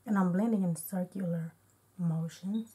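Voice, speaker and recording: A beauty vlogger talks casually through every step of an unedited makeup tutorial. Her voice is fairly low, mellow, slightly hoarse and congested, at a normal speed.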